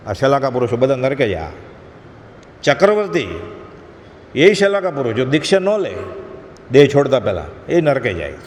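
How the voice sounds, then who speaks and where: A man's voice: mid-range voice, sing-song, moderate pace, pauses often. A man giving an earnest devotional discourse, admonishing his listeners and acting out short quoted prayers. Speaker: spiritual lecturer. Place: satsang hall. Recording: long hall reverb, faint ambient noise.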